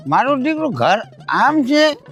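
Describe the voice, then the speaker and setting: A man, answering in a slow mumble in a comedy sketch. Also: very high voice, big pitch swings, fairly bright tone, soft background music. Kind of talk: rustic comedy sketch dialogue.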